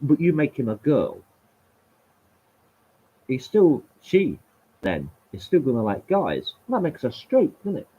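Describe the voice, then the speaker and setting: Husky man ranting, lively pitch. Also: a little slow, pauses often, dull audio. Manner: heated, emphatic, sweary. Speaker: live stream host. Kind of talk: ranting live stream monologue.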